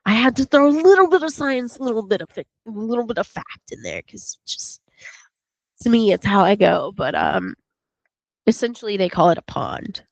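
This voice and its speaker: A woman's voice: on the high side, sing-song, normal speed, dry recording, rough recording. A woman co-hosting a podcast, retelling a film casually with many fillers and restarts. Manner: rambling retelling full of fillers and restarts, acting out quotes. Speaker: podcast co-host.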